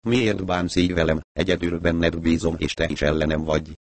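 A man reading a boastful, excitable male inventor with a volatile temper, in a grandiose, brash way. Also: low voice, slight background noise. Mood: furious.

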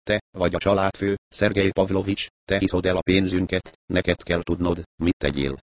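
A man's voice: deep voice, flat delivery, no echo, close to an everyday voice. A man voicing a coarse, sarcastic mother who snaps at her son. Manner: sarcastic, crude. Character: loud, coarse middle-aged mother, sarcastic.

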